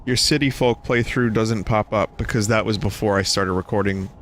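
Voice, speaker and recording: A man's voice: lowish voice, steady tone, moderate pace, fairly bright tone, slight background noise. A young man giving casual, rambling gameplay commentary as a streamer, joking and swearing freely. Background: game music.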